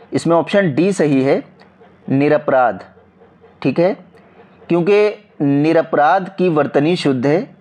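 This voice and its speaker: A man with a Hindi accent explaining exam practice questions as a coaching teacher, slowly and repetitively, checking in with viewers often. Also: fairly high pitch, darkish tone.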